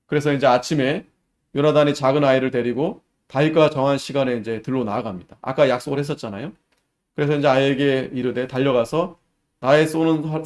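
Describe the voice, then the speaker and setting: A man's voice: mid-range voice, a little mellow. A pastor preaching a Sunday sermon. He reads Bible verses in formal, old-fashioned wording, then explains them in casual, conversational speech. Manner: expounds scripture conversationally, often paraphrasing it in casual speech.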